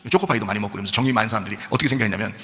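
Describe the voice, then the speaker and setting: A male pastor preaching a sermon. He asks the congregation rhetorical questions, answers them himself, and swings between quiet asides and loud emphasis. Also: lowish voice, racing, in a large hall. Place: church sanctuary.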